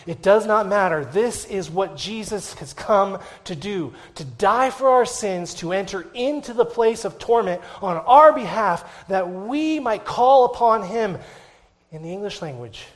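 This sermon comes from a male pastor with a high-pitched voice, lively intonation, and a slightly slow pace. He alternates hushed, whispered passages with loud, impassioned climaxes and finishes with a prayer.

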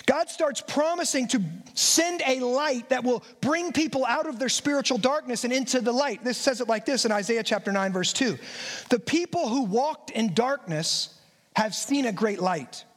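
Pastor, male, very high voice, emphatic sermon delivery, stacks repeated phrases, recorded in a reverberant sanctuary. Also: normal speed. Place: church sanctuary. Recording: long reverb of a church hall.

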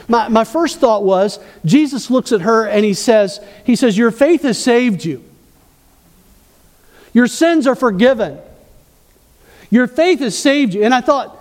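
A man's voice: sits high, a little mellow, big-room sound. A man preaching a sermon as pastor, asking the congregation questions as he goes.

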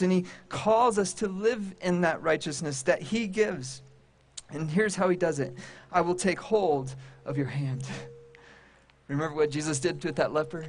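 A man preaching a sermon to a congregation, with emphatic, repetitive phrasing and dramatic pauses. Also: high-pitched. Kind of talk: sermon to a congregation and online audience.

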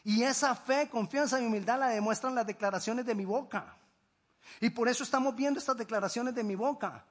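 High-voiced husky preacher man. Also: a little fast. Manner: emphatic preaching, swinging between loud declarations and hushed asides. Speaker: pastor. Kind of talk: sermon.

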